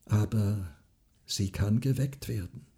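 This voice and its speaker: A man voicing a frail old widow who speaks softly, earnestly and secretively. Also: on the low side, takes it slowly, husky, heavily acted.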